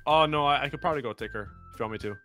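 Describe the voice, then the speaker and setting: A man's voice: fairly high pitch, racing, fairly bright tone, soft background music. A man with a west of Ireland accent, reading a visual novel aloud and chatting casually as a let's player. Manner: bawdy, swears freely.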